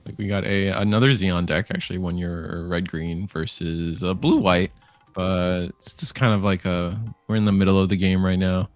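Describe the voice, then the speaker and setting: Chatty male co-caster, low voice, close dry sound, quick interjections. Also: fairly even intonation, dry recording, faint music behind. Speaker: co-commentator. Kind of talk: casual live tournament commentary.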